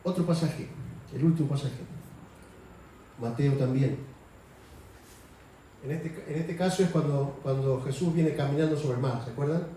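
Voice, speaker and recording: Guy giving a sermon, a bit high and mellow, chatty, echoey hall from far off. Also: normal speed, long pauses, a little hiss or hum. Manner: conversational, acts out quotes in a raised voice. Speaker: preacher. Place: church hall.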